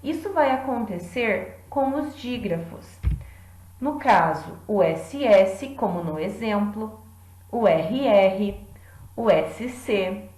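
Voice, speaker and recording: A woman teacher giving a lesson in a clear, deliberate way, clapping out syllables. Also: medium pitch, animated, darkish tone, roomy sound, rough recording. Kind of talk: classroom lesson.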